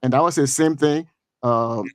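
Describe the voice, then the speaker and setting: Speaking with a Liberian accent, a middle-aged man from Liberia comments on politics during a talk show, halting often, repeating words and relying on many fillers. His voice is mid-range, captured in a dry, studio-quality recording.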